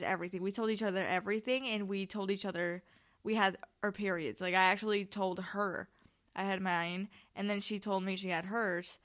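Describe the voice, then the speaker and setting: A woman's voice: mid-range voice, fairly bright tone. A woman hosting a podcast in a casual, chatty way, telling personal stories in informal, rambling, sweary monologue. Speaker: podcast host.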